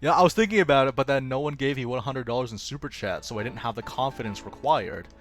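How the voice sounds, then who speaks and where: Over soft background music, a man streams a game live, bantering with his audience and poking fun at himself. His voice is mid-range and quick, and he laughs a lot throughout the casual commentary.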